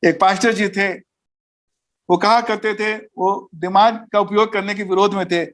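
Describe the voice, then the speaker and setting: High-voiced pastor teaching Bible study. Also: male voice, fairly even intonation, measured pace, fairly bright tone. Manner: didactic, enumerates points, tells jokes and anecdotes. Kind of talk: recorded teaching session.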